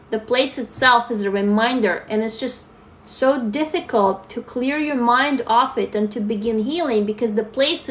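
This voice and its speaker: Woman, young adult, slightly high voice, candid livestream chat, phone mic. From Russia. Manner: candid, talks straight to viewers, reads comments aloud. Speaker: livestream host. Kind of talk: casual live-stream chat.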